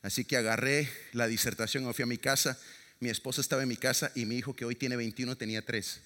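Middle-aged preacher, bright and forceful, dramatic storytelling, reverberant church hall. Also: male voice, medium pitch, fast talker. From Latin America. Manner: lively, dramatic storyteller with sound effects and jokes. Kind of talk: sermon with storytelling. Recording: long reverb of a large hall.

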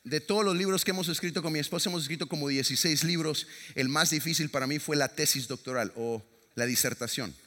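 A middle-aged man from America, preaching a sermon as a lively, dramatic storyteller who adds sound effects and jokes. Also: a little high, quick pace, few pauses. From Latin America. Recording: long reverb of a large hall.

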